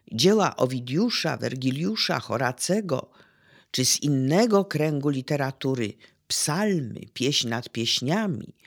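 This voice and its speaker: A teacher giving a slow, deliberate lecture on poetry, pausing with fillers and trailing into a whisper at the ends of phrases. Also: mid-range voice, vocal fry.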